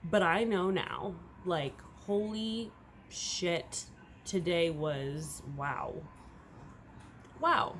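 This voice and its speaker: Drawing out her words in a lowish voice, a young woman who has just become a mother vlogs casually from home. She speaks candidly and rambles, alternating between soft and loud, and there's slight background noise.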